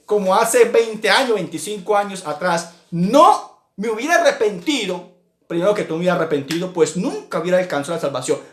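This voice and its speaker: A man's voice: high voice, reverberant. A man from Colombia teaching an online church Bible lesson, earnest and repetitive, with many restarts.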